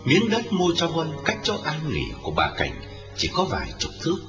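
A man narrating a dramatic story, expressive in his storytelling. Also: fairly high pitch, normal speed. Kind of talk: dramatic audiobook reading. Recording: roomy, lo-fi, distant, with music.

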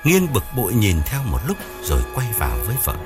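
Brief: male audiobook narrator, low voice with a very lively melody, soft music behind. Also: brisk. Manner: steady storytelling, voices each character. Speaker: storyteller.

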